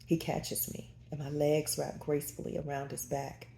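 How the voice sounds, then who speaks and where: A woman narrating a first-person romance audiobook in an intimate, breathy storytelling manner. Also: deep voice, completely flat delivery, moderate pace, warm tone, roomy sound, a little hiss or hum.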